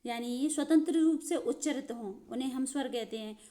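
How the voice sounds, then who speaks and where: A woman's voice: high-pitched, brisk, mellow. A woman teaching a grammar lesson, explaining step by step and addressing viewers as friends.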